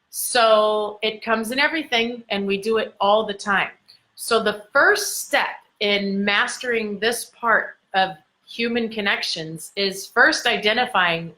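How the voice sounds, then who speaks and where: A woman's voice: mid-range voice, sharp tone. A woman giving a motivational lesson as a communication coach, talking emphatically and repeating her key phrases.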